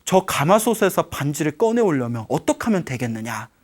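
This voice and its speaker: A man's voice: on the high side, sing-song, fairly quick, pitched below the performer's own voice. A monk voicing a solemn, remorseful old king. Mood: questioning. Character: remorseful wise ancient male king.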